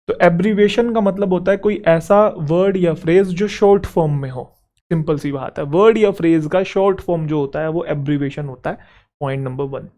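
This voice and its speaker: In a Hindi exam-prep lecture, a man teaches English grammar step by step, checking in with quick rhetorical questions. His voice is a little high with a warm tone.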